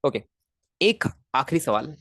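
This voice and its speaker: A man's voice: mid-range voice, very animated, takes it slowly, bright, forceful tone, dry recording, clean studio sound. A man teaching a live online physics class, chatting to his students and muttering to himself while he draws.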